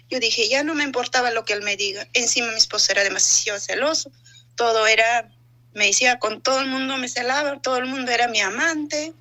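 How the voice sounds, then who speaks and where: A woman's voice: a little high, bright, forceful tone. A middle-aged woman giving an earnest personal faith testimony, telling her story and often calling her listener brother. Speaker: testimony speaker.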